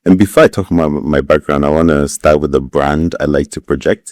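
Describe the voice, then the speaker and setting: A man's voice: rumbling low, quick pace, a little mellow, no echo, clean studio sound. A man in his fifties from Ghana, a guest speaking thoughtfully in an interview, with many fillers and restarts. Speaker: guest, business advisor. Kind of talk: casual interview talk.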